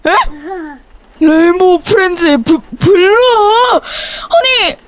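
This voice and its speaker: Very high-pitched, lively woman gamer. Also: moderate pace, crowd noise. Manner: exclaiming, fussing over a baby character. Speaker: game YouTuber host. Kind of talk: playful game role-play commentary.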